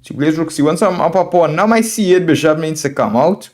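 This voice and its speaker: A fast-talking Trinidadian man from Trinidad and Tobago, whose slightly high voice has a darkish tone and lively intonation, delivers live chess commentary as a streamer and instructor. He thinks out loud, repeats phrases, and calls his audience friends, all over background music.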